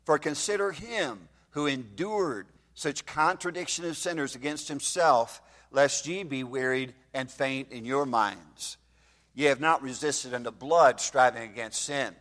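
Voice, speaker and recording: Speaking at an unhurried pace, this fifties-aged preacher has a mid-range, fairly bright voice. He reads scripture in old King James phrasing and questions his congregation, miked in a church hall with a slight echo.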